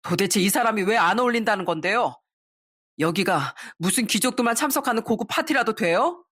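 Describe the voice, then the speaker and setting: A woman's voice: mid-range voice, expressive, a little fast, a bit bright, slightly rough. A woman voicing a husband who protectively confronts his mother. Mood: indignant. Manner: indignant questioning. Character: adult man, husband, protective and indignant.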